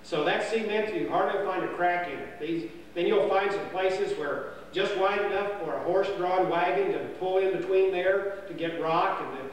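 A man's voice: sits high, normal speed, hardly any pauses. An older man, a camp storyteller, telling a folksy history tale in a rambling, homespun way with many fillers and restarts, recorded indoors in a dining hall on a far camera. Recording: roomy hall echo from far off, faint hum.

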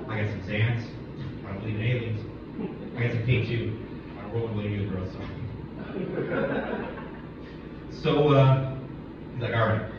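A man's voice: mid-range voice, noisy background. Swearing stand-up man in echoey club. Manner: laid-back, swearing, acts out dialogue. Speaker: stand-up comic. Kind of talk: open mic stand-up. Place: small comedy club stage. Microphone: handheld mic, filmed from far back in the audience. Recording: echoey club, distant and muffled.

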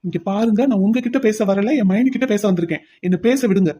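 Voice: mid-range voice, quick pace, dark tone, breathy edge, natural voice. A voice actor doing a brash pleading young man. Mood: insistent. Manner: insistent, pleading. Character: brash young man pining for his brother's sweetheart.

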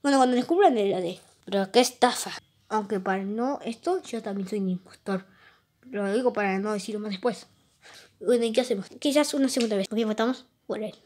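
A woman doing playful plush-toy role-play of a video game, jumping quickly between excited, squealing character voices. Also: mid-range voice.

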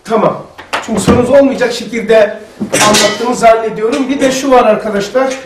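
Male religious teacher, high voice, lively storyteller, roomy sound from off-mic. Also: brisk, distant mic, over music. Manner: lively storytelling, acting out dialogue. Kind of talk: religious lesson to a group. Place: lesson room.

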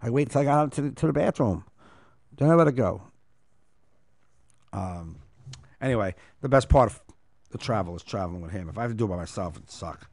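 A man's voice: fairly low pitch, animated, brisk, pauses often, darkish tone, no room sound, studio quality. A man with a New Jersey accent, telling casual comic stories as a podcast host, teasing in a mock-exasperated way. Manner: mimics and teases his friend, exasperated comic delivery. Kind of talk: comic storytelling, casual chat.

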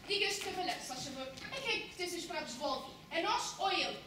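A proud, quarrelsome young landowner's daughter, played by a woman with a European Portuguese accent in a stage play. Her voice is very high and sounds distant across a very echoey hall. Noise hums underneath. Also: animated, fast talker. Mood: defiant. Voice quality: sharp, contrary. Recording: echoey hall from far off, noisy.

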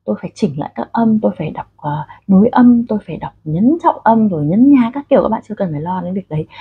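A woman's voice: lowish voice, husky, phone-quality sound. A woman with a Vietnamese accent teaching English pronunciation online, coaching learners step by step. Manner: friendly coaching, directly addressing learners.

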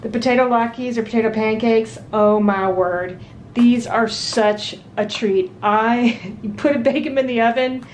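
A woman's voice: on the high side, a little slow, a little hiss or hum. Chatty woman showing off a grocery haul. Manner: relaxed, chatty, many ums and restarts. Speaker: vlogger. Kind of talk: casual grocery haul chat. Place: home dining room at a table.

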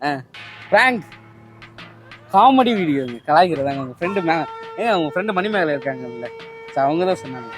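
High-voiced young man pestering pleadingly. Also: sing-song, a little fast, long pauses, faint music behind. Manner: pushy, wheedling, keeps calling out to her. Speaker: prankster. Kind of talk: street prank, pleading love proposal. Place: outdoors on a street.

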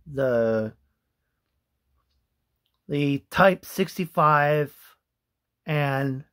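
A young man giving a casual, halting explainer to camera, often repeating himself, on a phone held at arm's length indoors. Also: a little high, a bit bright. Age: young adult. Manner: halting, repetitive. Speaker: vlogger. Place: small room indoors.

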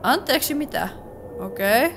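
Finnish woman gamer, fairly high voice, jumpy horror let's play commentary, chatty. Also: expressive, gravelly, fairly bright tone, soft background music. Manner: jumpy, startled exclamations, chatty asides. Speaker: gaming YouTuber.

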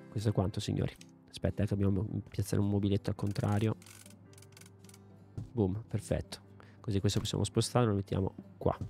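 A man's voice: on the low side, vocal fry, a little mellow. Joking, foul-mouthed young gamer man. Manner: casual, joking, swears often and talks to himself. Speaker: gaming video creator. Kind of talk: let's play commentary.

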